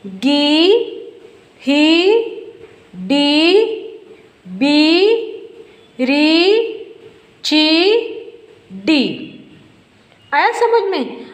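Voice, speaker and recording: A woman teacher giving a slow, repetitive lesson to first graders, asking questions and answering them herself. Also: sits high. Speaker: primary school teacher. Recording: echoey room with long reverb.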